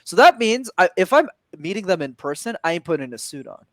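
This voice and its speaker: Young male guest, animated coaching talk, lively pitch, slightly high. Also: brisk, dry recording. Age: young adult. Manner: animated, demonstrative, shifts energy to make points. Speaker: podcast guest, communication coach. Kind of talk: conversational interview.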